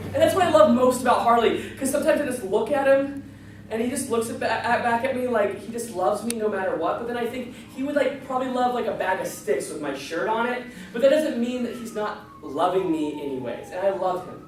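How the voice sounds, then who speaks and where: A man's voice: extremely high pitch, lively intonation, brisk. A man tells a folksy tall tale in a very echoey room, picked up from a distance. His delivery is comic and dramatic, acting out the dialogue as he goes, with faint noise behind him. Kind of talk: folksy tall tale told live on stage. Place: large echoey room, live before an audience.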